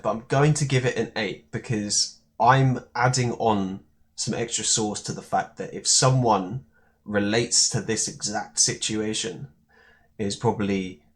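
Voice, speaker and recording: A young man giving casual reaction commentary on a song, relaxed and rambling, with many fillers. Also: lowish voice. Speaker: music reaction YouTuber.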